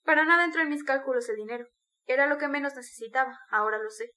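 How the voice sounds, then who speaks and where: A woman's voice: high-pitched, fast, bright, forceful tone. A woman reading the part of a brooding, tormented young male student in an intense, bitter confession.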